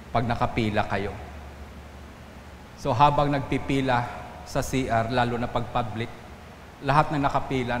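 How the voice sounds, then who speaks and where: In an echoey church hall with faint ambience and a little background noise, a man from the Philippines preaches a Sunday homily. His mid-range voice shifts as he quotes people and weaves in stories.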